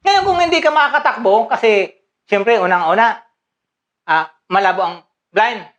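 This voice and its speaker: A woman's voice: medium pitch, expressive, moderate pace. Woman barking playful karate commands. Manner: teasing, barks short commands, laughs often. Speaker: mock karate teacher. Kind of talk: playful comedic skit.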